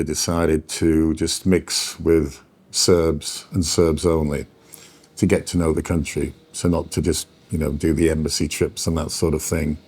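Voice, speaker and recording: Middle-aged man, very low voice, lively anecdotal interviewee. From Yorkshire, England. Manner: animated anecdotal storyteller. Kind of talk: storytelling interview.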